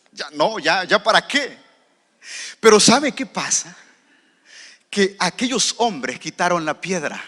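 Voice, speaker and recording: A man's voice: sits high, sharp tone, in a large hall. A man preaching a sermon as pastor, asking the congregation rhetorical questions. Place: church.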